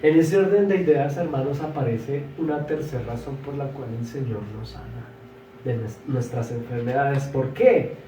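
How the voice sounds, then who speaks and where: A pastor preaching a sermon, swinging between loud emphatic exclamations and soft asides, and stretching words slowly for emphasis. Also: male voice, mid-range voice, distant mic, slight background noise. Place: church hall. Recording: echoey church, voice from afar.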